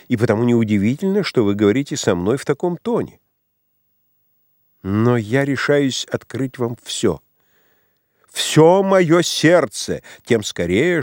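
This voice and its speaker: A calculating matron, as a male narrator puts her on, coos with false gentleness and sorrow. Her speech rises and falls in lively swings, recorded dry and close. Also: mid-range voice, no echo. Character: scheming, smooth-talking provincial matron.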